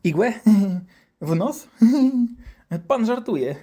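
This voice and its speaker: Man playing a panicky little boy, shrill squeaky voice, swearing, loud. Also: huge pitch swings, a little slow, breathy edge, exaggerated voice. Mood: panicked. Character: terrified foul-mouthed little boy patient.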